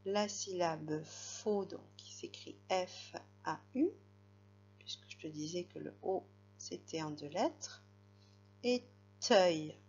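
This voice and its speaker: A woman teaching a child to spell, dictating words and slowly spelling them out letter by letter with patient explanations. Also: on the low side, a little mellow. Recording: slightly dull, lo-fi recording.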